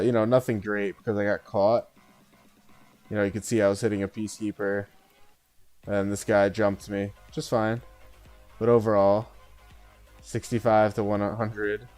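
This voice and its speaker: Man, game streamer, casual live commentary, low voice, smooth and clear, chatty and thinking aloud. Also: darkish tone.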